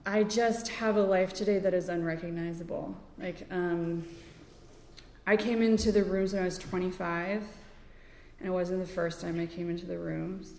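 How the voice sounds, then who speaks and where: Woman recovery speaker, halting, chatty fillers, small laughs, recorded in a reverberant hall. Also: on the low side, fairly even intonation, a little mellow, a little hiss or hum. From Connecticut, USA. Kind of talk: personal recovery testimony. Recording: echoey hall with long reverb.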